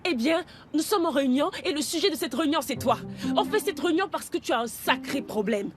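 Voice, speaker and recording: A woman's voice: high voice, expressive, a little fast, music in the background. An actress playing a combative, complaining young woman, emphatic and dramatic, in a dubbed comedy-drama. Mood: indignant. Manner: emphatic, indignant.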